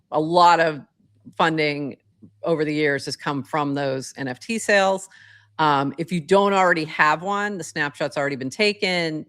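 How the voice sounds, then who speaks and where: Mulher animada conversando no podcast. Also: female voice, deep voice, a bit bright. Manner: chatty, laughs often, many fillers. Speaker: co-host. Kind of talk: casual podcast chat.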